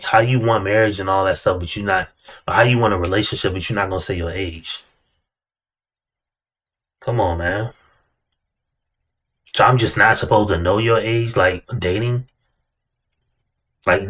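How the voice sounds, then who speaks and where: Low-voiced man, blunt casual commentary. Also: fairly even intonation, normal speed, long pauses, a bit bright. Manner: blunt, repetitive emphasis. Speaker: reaction video host.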